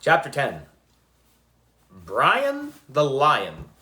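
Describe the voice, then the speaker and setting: A man reading a children's chapter book aloud, unhurried, giving quick voices to the characters and dropping in asides. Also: medium pitch, huge pitch swings, sharp tone, slight background noise. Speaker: audiobook reader.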